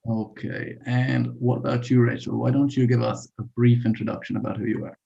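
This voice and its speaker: A man playing a gravelly middle-aged psychiatrist. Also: mid-range voice. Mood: calm. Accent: Irish. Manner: calm, measured host of the session. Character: middle-aged male psychiatrist leading group therapy. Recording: gravelly voice over dull video-call audio.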